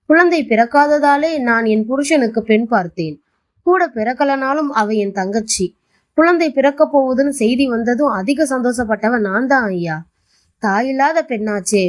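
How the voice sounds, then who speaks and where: A woman voicing a calm older first wife who earnestly defends herself. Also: a little high, lightly acted. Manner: earnest, pleading.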